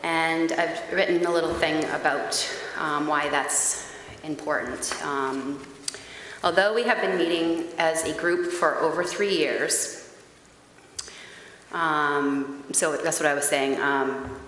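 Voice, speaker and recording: Speaking slowly in a low, loud voice that carries, a forties-aged woman facilitating a parent group reads a prepared statement at a town meeting. She delivers it earnestly and steadily into a gooseneck podium mic, with occasional hesitant fillers, in an echoey hall with faint hiss.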